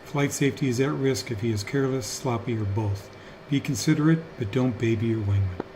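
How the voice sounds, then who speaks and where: Male tutorial narrator, measured and methodical, formal scripted teaching, middle pitch, light background noise. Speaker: flight simulator instructor.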